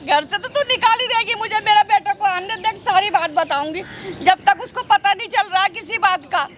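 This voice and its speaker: A woman's voice: very high voice, moderate pace, a bit bright, a faint crowd. A woman playing a stubborn, indignant elderly mother-in-law who scolds her daughter-in-law in a staged family quarrel skit. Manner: scolding, reproachful.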